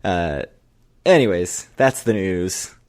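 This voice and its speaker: Very low-voiced male podcast co-host from Maryland, wry, dry close sound. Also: lively intonation, slow pace, no echo. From Prince George's County, Maryland. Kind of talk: casual chat.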